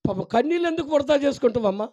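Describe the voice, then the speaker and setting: Male pastor, high voice, mellow dark tone, fervent sermon, loud then hushed. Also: expressive, very fast, muffled recording. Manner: fervent preaching, swinging from loud exclamations to hushed pleading; addresses listeners tenderly as child and mother. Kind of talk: fasting prayer sermon.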